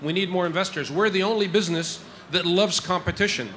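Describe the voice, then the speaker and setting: On a stage in a large tent before an audience, a man speaks as an investor in a panel discussion. His high, fairly bright voice moves a little fast as he emphatically repeats his points and checks in with the crowd. He uses a handheld mic, with slight background noise.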